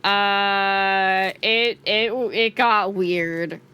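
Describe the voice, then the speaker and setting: A woman's voice: medium pitch, fairly even intonation, extremely slow, sharp tone, clean tone, muffled recording. A woman hosting a game livestream, chatting to viewers in a cute, playful anime-streamer manner. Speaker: streamer, host.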